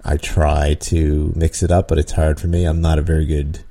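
A man's voice: extremely low pitch, little pitch movement, normal speed, dark tone. A man hosting a podcast, giving tabletop game-master advice in a rambling, casual way with frequent chuckles and restarts. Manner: rambling, chuckles often, many ums and restarts. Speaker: podcast host and dungeon master.

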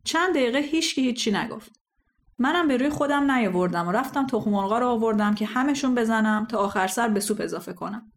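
A woman reading a first-person story aloud in a calm, reflective manner. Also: mid-range voice. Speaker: story narrator. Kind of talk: scripted first-person narration.

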